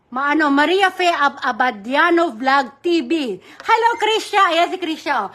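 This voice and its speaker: A mother hosting a live-stream giveaway, chatting casually and giving shout-outs to viewers as she reads their comments. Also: high-pitched, lively intonation, a little slow. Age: adult mother. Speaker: livestream host running a giveaway.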